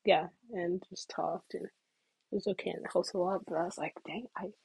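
Young woman, casual vlog storytelling, low voice, dry recording, chatty. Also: steady tone, fairly quick, gravelly, darkish tone, slightly rough, no echo, rough recording. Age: young adult. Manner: chatty, full of "like", drifts into whispers. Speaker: vlogger.

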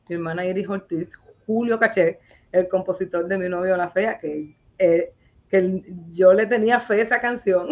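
A woman's voice: on the low side, darkish tone, highs cut off. A woman singer being interviewed as a guest, chatting in a grateful, friendly way. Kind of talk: casual interview chat.

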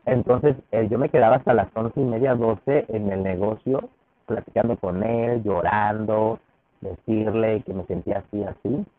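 A man's voice: lowish voice, steady tone, normal speed, dry recording. Mexican man, tinny phone-like sound. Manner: frequent restarts, acts out quoted dialogue. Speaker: podcast guest. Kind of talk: casual storytelling.

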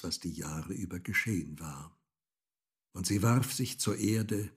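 Slow husky man reading a fairy tale. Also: low-pitched. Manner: measured, calm reading. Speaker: storyteller. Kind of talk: scripted fairy-tale narration.

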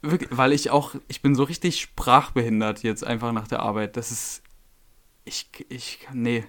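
A young German man co-hosting a casual podcast rants and swears, tired and irritable after work, and imitates customers in quoted voices. He speaks a little fast, at medium pitch with a fairly bright tone.

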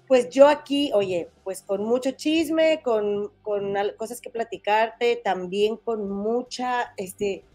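A woman's voice: a little high, takes it slowly, hardly any pauses, warm tone. Woman, northern Mexican accent, gossip podcast host, casual chat, nasal from a cold, faint music behind. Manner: chatty, folksy, affectionate.

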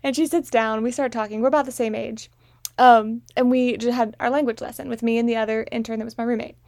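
A woman's voice: on the high side, fairly even intonation, quick pace, darkish tone, dry recording, clean studio sound. A young woman hosting a casual chat, telling personal stories in a chatty way with small laughs sprinkled in. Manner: chatty, anecdotal storytelling with frequent small laughs. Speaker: host.

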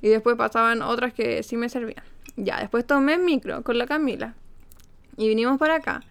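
A woman's voice: a little high, fairly even intonation, vocal fry, clean tone. A young Chilean woman co-hosting a podcast in casual chat, telling stories with indignation. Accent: Chilean Spanish. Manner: indignant storytelling, quick to anger. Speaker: podcast co-host.

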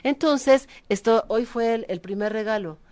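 A woman's voice: fairly high pitch, measured pace, darkish tone, no room sound. A woman, a guest chatting casually on a web radio show, full of fillers and tag questions. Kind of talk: casual chat.

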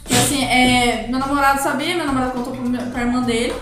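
A young woman from Brazil telling a personal story in casual chat, rambling and animated, quoting dialogue as she goes. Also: sits high, quick pace, soft background music. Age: young adult. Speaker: guest. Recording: very echoey room.

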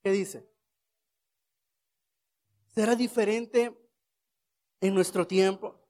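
High-voiced man preaching slowly. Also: steady tone. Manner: rhetorical questions, leads the congregation in shouted responses. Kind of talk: sermon.

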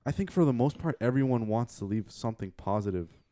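A man's voice: medium pitch, animated, fast, mellow, no echo, studio quality. A man hosting a podcast in casual chat, rambling with many filler words into a handheld mic. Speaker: podcast host.

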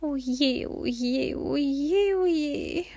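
A woman's voice: measured pace, vocal fry, darkish tone, slightly rough, dry recording, heavily acted. A woman voicing a cheerful, fussy 79-year-old lady who is a nervous driver, in an audiobook. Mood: fretful. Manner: chirpy, exclaiming, higher than the narration.

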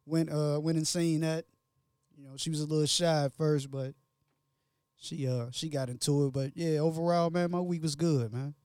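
A man co-hosting a podcast, talking in a laid-back, drawn-out way and often saying "man". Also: fairly high pitch, steady tone, a little mellow, clear, resonant tone, no room sound, studio quality. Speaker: podcast co-host. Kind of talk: casual chat.

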